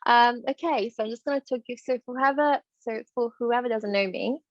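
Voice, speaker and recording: A woman from northern Italy with an Italian accent, a dentist, gives an online masterclass over a video call. Her voice is a little high and fairly quick, the sound is lo-fi with no echo, and she talks chattily, full of fillers and restarts.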